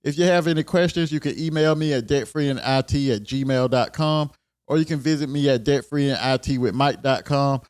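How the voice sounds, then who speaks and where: A man hosting his own show, giving relaxed, conversational career advice with a regional American accent and plenty of repetition. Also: mid-range voice, a little fast, clear, resonant tone. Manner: relaxed, conversational, repeats himself. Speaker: host. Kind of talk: casual career advice talk.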